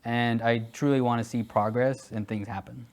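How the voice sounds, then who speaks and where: A man's voice: mid-range voice, moderate pace. Hesitant man answering interview questions. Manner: hesitant, many fillers, then animated. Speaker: guest, security executive.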